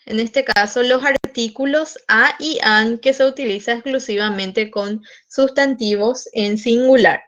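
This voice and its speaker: A woman teaching an online lesson, explaining slowly step by step and often checking in with the class. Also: a little high, a bit bright, dull audio. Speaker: English teacher.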